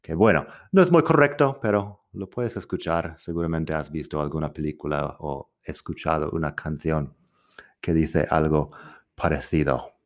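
A man's voice: rumbling low, moderate pace. A man teaching a grammar lesson, patiently repeating each example and translating it. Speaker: English teacher.

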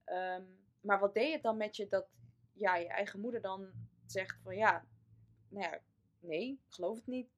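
A woman's voice: mid-range voice, normal speed. A woman interviewing a guest, asking direct questions in a frank, supportive way.

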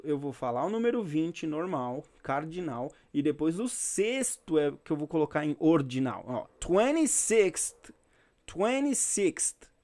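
A man with a fairly high voice runs a relaxed English class. He talks to his students like friends and repeats each word slowly so they can copy it. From Brazil. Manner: patient, repeats words slowly for practice; informal, chatty asides to students. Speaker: English teacher. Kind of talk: casual spoken lesson.

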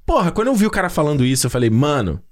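Fast-talking animated man chatting about movies. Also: high voice. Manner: animated, slangy, quick with frequent restarts. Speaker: podcast co-host. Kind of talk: casual chat about movies. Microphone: video call.

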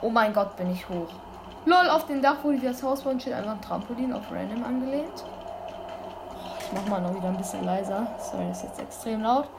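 A woman giving casual gameplay commentary, excitable and full of youthful slang, breaking into sudden loud exclamations. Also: fairly high pitch, normal speed. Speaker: let's play gamer. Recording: constant background noise.

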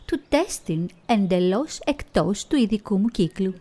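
A woman voicing a snobbish lady marmot who speaks slowly and pompously in lofty, old-fashioned words. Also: mid-range voice, animated, warm tone, close to an everyday voice. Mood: haughty. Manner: pompous, slow and drawn out.

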